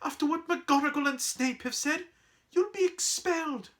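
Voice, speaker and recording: A reader putting on a high, fretful schoolgirl. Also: huge pitch swings, very slow, exaggerated voice. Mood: alarmed. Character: anxious, bossy young schoolgirl.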